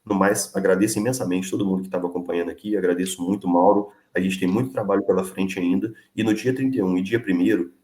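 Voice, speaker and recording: A young man with a cold speaks in earnest, plain-spoken phrases full of small fillers. His voice sits very low. The room around him is echoey. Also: steady tone, fast, few pauses, a little mellow. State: sick with a cold, coughing. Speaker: delivery worker organizer, guest. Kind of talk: casual live interview.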